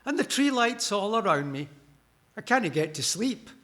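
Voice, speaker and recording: A man's voice: high-pitched, very animated, normal speed, a bit bright. A man voicing a cheeky, grumbling female fairy stuck on a Christmas tree, with a Scottish accent and a bawdy comic complaining manner.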